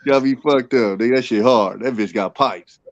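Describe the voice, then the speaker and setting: A man's voice: mid-range voice, normal speed, dull audio, a loud crowd. A man in his forties, a co-host in a casual sports chat, rowdy and profane, telling stories. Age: 40s.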